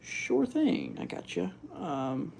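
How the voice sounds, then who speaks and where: A man hosting a live weather stream, giving casual, halting commentary as he thinks aloud and reads out figures. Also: sits high, very animated, vocal fry, darkish tone, a little hiss or hum. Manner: informal, halting, thinking aloud while looking things up. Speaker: weather livestream host.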